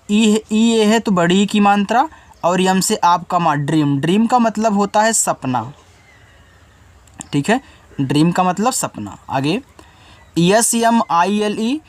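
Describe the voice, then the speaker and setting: A man's voice: animated, no room sound. A man teaching an English spelling lesson, patiently spelling each word out letter by letter and repeating each meaning twice. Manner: spells words out letter by letter slowly, then says the word lower and quieter.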